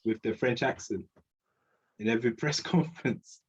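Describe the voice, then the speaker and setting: A man on a podcast, chiming in with quick reactive comments in casual chat. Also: mid-range voice, a little hiss or hum. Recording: muffled podcast audio.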